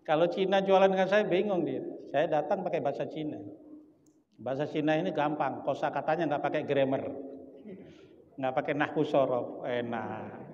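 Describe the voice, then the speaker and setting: A man's voice: on the high side, a little hiss or hum. A male Islamic preacher giving a humorous sermon, telling stories with jokes and acted-out dialogue. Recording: dull lo-fi recording with long hall reverb.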